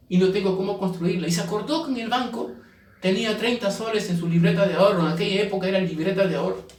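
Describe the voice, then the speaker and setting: A pastor with a high voice preaches to his congregation, jumping between narration and acted-out dialogue. He sounds set back from the microphone, and his voice rings in a roomy, echoing space. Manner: storytelling preacher, acts out dialogue with shifting pitch and volume. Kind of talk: sermon. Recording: echoey room, voice from far off the mic.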